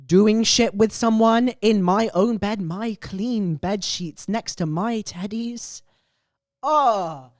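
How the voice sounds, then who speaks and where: A young woman hosts a casual, chatty show, gossiping with glee and reacting emphatically, often repeating phrases for effect. Her medium-pitched voice is animated and opinionated, recorded at studio quality with no room sound.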